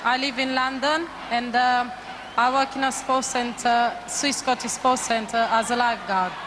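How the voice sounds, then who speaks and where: Woman contestant, confident, a bit high, noisy arena behind. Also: fairly even intonation, moderate pace. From Romania. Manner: plain, confident, some hesitation. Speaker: game show contestant. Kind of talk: short interview answers. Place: large indoor arena.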